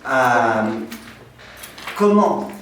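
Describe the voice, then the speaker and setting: A man teaching a lively, humorous class as a rabbi, asking the students questions and answering them himself as he tells anecdotes. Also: mid-range voice, drawn-out words, a little hiss or hum. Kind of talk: lively Torah lesson with humor. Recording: echoey room, mic far off.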